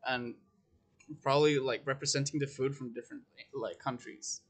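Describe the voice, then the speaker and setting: A man's voice: mid-range voice, steady tone, normal speed, slightly rough. A man in his twenties from Chile, a chef answering casually as a podcast guest, easygoing and brief. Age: 20s. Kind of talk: casual interview.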